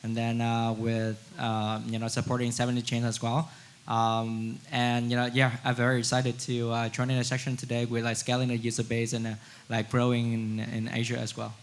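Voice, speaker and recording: A man from Vietnam answers on a conference panel in a flat, even tone. He talks haltingly, leaning on fillers as he goes. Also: mid-range voice, slight background noise. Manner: halting, many fillers like "you know". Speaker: panelist, crypto wallet founder.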